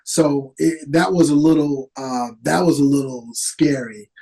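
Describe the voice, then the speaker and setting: A middle-aged man, an actor, telling stories in an animated, casual way as a podcast guest. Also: on the high side, measured pace, vocal fry, slightly rough, low-quality recording. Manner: animated, lively storyteller with restarts. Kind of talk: casual interview storytelling.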